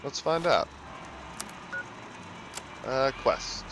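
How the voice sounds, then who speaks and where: A man's voice: medium pitch, lively intonation, drawn-out words, noisy background. A man doing let's play commentary, joking and teasing the game's characters and talking over them. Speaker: gaming video host. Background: game music.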